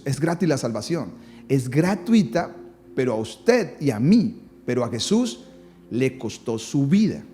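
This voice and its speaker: A man's voice: a little high, warm tone, a little hiss or hum. A man preaching a sermon as pastor, dramatic, with his voice rising and falling for emphasis.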